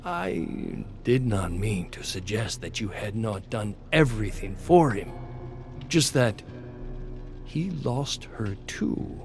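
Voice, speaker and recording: Death, a slow, sly counsellor, music behind. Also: male voice, fairly low pitch, animated, creaky, a little mellow, full character voice. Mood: careful, placating. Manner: measured, formal, coaxing. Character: Death, deferential, sly, counselling servant of a vampire lord. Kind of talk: dramatic game story acting.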